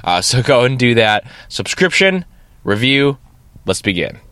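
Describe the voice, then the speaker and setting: On his solo podcast, this host rambles casually and fairly fast, tacking "right?" onto many of his points. His lowish, slightly bright voice is stuffy and nasal from a cold, captured dry through a studio podcast mic.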